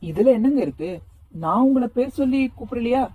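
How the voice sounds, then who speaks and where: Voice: medium pitch, expressive, a little fast, slightly rough, narrow, tinny audio. A voice actor playing a friendly, teasing young man in a cartoon, speaking in a coaxing, easygoing way. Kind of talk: cartoon voice acting.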